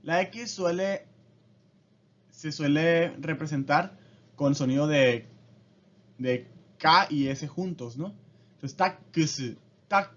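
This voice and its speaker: A man's voice: a little high, slow, long pauses, fairly bright tone. A man teaching a casual lesson, explaining step by step and often checking in with his listeners. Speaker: language teacher. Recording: dull lo-fi audio.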